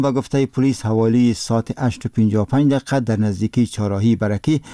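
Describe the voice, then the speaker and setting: A man's voice: on the low side, mellow, dry recording, clean studio sound. A man with an Afghan accent reads a scripted radio news bulletin in a solemn, formal newsreader manner.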